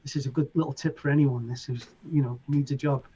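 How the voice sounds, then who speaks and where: Talking fast in a medium-pitched, slightly rough voice, this Liverpool man, a DJ and producer guesting on a casual interview, spins animated stories and voices other people loudly. The audio is dull and lo-fi.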